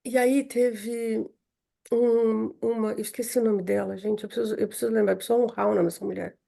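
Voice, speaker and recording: A woman's voice: medium pitch, fairly even intonation, quick pace, vocal fry, mellow. A woman giving an emotional personal testimony to a group, with many restarts and repeated phrases. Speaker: speaker sharing a testimony.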